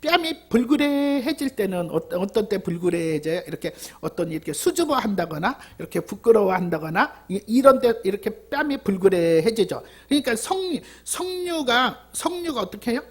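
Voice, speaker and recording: A woman's voice: mid-range voice, big pitch swings, moderate pace, hardly any pauses, husky. A woman pastor preaching a sermon in a church, repeating key words and asking the congregation rhetorical questions.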